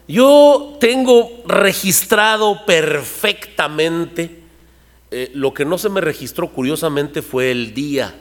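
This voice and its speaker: A man's voice: on the high side, in a large hall. A man preaching a sermon to his congregation, talking conversationally and asking them rhetorical questions. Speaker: pastor. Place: church hall.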